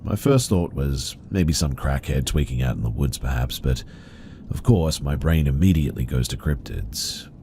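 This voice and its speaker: A man narrating reader-submitted horror stories in a steady, even storytelling delivery. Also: rumbling low, normal speed, slight background noise.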